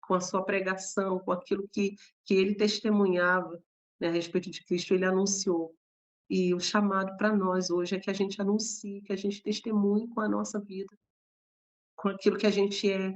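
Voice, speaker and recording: A woman with a Brazilian accent giving a gentle, conversational Bible devotional, often adding tag questions. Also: medium pitch. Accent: Brazilian Portuguese.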